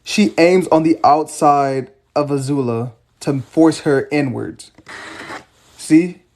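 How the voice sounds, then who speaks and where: A man's voice: on the high side, slow, darkish tone, a little hiss or hum. A man giving casual commentary, explaining a fight scene step by step.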